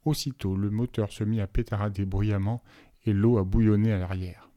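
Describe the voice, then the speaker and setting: A man reads a novel aloud in a low voice, with even, measured storytelling. The recording is dry and close with no room sound. He keeps a steady pace through the tense passages. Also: no room sound. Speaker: audiobook reader. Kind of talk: audiobook narration of a novel.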